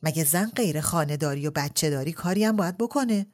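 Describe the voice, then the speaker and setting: A woman doing a sharp-tongued, scolding older noblewoman. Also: deep voice. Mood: scolding, indignant. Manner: scolding, biting retorts.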